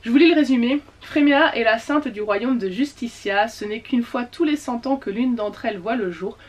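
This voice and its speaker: A woman's voice: fairly high pitch, normal speed. A woman chatting casually about her latest book purchases, with many fillers and self-corrections. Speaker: book vlogger. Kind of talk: casual book haul chat.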